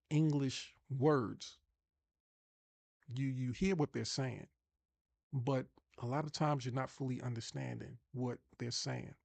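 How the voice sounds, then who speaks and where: A man's voice: medium pitch, creaky, darkish tone, dry recording. A man with a Long Island New York accent giving an emphatic motivational talk to viewers as an online marketing coach, often restarting and repeating words.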